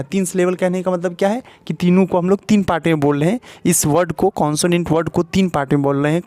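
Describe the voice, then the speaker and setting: Male English teacher, Hindi accent, fairly high voice, dry close recording, step-by-step board lesson. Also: a little mellow, no echo. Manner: explains step by step, often adds "ठीक है" and asks questions to the viewer.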